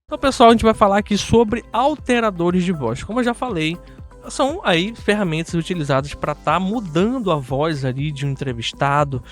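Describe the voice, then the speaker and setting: Brisk and animated, a high-voiced host with a Brazilian Portuguese accent runs a casual video tutorial for his audio software channel. He talks directly to viewers, frequently tagging on short questions to check in, with faint music behind him.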